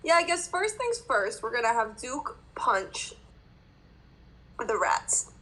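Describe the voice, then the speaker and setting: A woman with a New York accent playing a card game aloud, giggly and playful, thinking out loud with a lot of hesitation. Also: fairly high pitch, very animated, slow pace, rough recording. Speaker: player.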